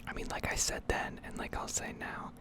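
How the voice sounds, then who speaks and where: A woman whispers rambling, improvised ASMR commentary over a game, hesitant and unhurried. Her whisper has a breathy, creaky edge; she's a gaming ASMR creator.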